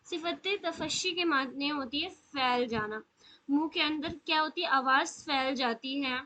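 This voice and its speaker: Woman, tajweed teacher, high voice, crisp bright tone, patient explanations, drawn-out letter sounds. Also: low-quality recording. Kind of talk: live online class.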